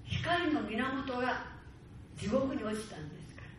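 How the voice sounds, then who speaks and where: A woman's voice: fairly high pitch, expressive. Fervent woman preacher in an echoey hall. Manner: fervent preaching, slow stresses, rising urgency. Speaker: pastor. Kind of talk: sermon. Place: church hall. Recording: far-off mic in echoey hall, faint hiss.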